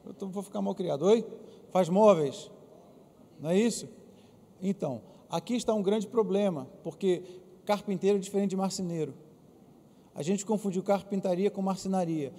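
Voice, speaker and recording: Brazilian pastor, male, high and dark-toned, lively sermon delivery in a reverberant church hall. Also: normal speed. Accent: Brazilian Portuguese. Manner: lively preaching, asks the congregation to answer aloud. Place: church auditorium.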